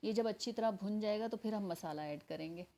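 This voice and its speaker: A woman's voice: mid-range voice, a little fast, warm tone. Chatty woman explaining a home recipe. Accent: Pakistani Urdu. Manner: chatty, explains step by step, addresses viewers directly. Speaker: home cooking channel host. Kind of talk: casual cooking tutorial voice-over.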